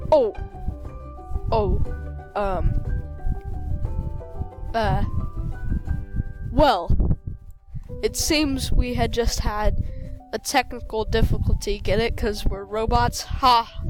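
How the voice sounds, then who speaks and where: Casting: a rambling, off-the-cuff female storyteller with a fairly high voice, music underneath. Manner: rambling, many fillers and restarts. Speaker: storyteller of a game role-play. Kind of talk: casual improvised storytelling. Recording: background music playing.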